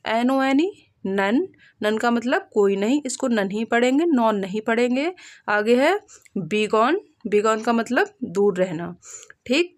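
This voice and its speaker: Slightly high-voiced woman teaching pronunciation. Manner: spells words letter by letter and asks rhetorical questions. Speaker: English teacher. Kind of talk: spelling and pronunciation lesson.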